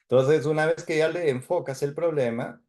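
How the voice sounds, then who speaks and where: Man, medical lecturer, mellow tone, explanatory classroom talk, tag questions. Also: on the high side, moderate pace. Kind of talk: university lecture.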